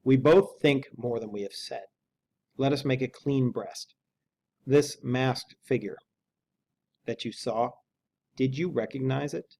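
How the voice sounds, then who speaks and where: A solemn Victorian gentleman lawyer, as a man reads him aloud, with a dark, mellow tone and medium pitch. He speaks formally and frankly, in measured, resolute phrases. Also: gravelly. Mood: grave. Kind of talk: audiobook reading of a classic novel.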